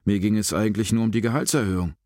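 A sardonic, defiant woman chief inspector, as a male narrator puts her on in a dry audiobook read. Her voice is raised well above his low tone, cutting and bored, with a dead, close sound. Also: steady tone, rapid-fire, a little mellow, dry recording, natural voice. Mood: dry sarcastic.

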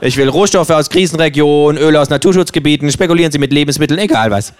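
Mann spielt ein schrilles, zynisches Känguru. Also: male voice, fast talker, close to an everyday voice. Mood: ranting. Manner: sarcastic, provocative, shrill high voice. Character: brash, cynical male kangaroo.

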